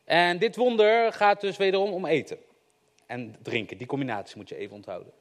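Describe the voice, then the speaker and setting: Chatty preacher with a higher voice. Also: male voice, a little fast. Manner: conversational, joking asides, addresses the audience directly. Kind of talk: informal sermon.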